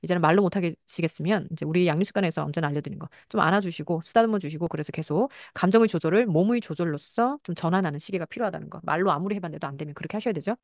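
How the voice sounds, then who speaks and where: Fast-talking woman counselor, dry sound. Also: dry recording. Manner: acts out mother and child lines in higher voices. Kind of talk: parenting advice talk.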